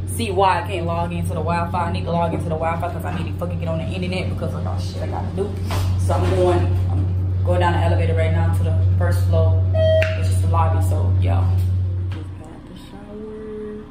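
In an echoey room on a low-quality recording, a lowish-voiced woman in her thirties chats to her phone camera, held at arm's length close by. Vlogging from a car and a hotel bathroom, she talks bluntly, swears and repeats herself.

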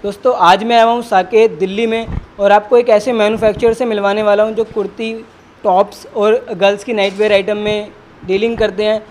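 His voice is high and darkish, with little pitch movement, delivered fairly quickly over a little hiss or hum. The twentysomething video host addresses the camera and interviews people in a garment factory workroom and sample room, using a windscreened handheld mic and often repeating answers for viewers.

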